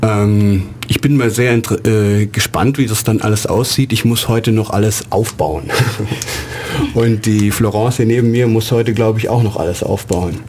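A man's voice: fairly low pitch, fairly even intonation, a little slow, darkish tone, a little hiss or hum. A man, an artist and exhibition organizer, giving rambling radio interview answers with many fillers.

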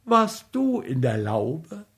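A man's voice: fairly high pitch, huge pitch swings, slow, fairly bright tone, pitched above the performer's own voice, exaggerated voice. A man reading aloud and voicing a playful, mocking middle-aged wife in a storybook reading. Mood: teasing. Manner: mocking, teasing.

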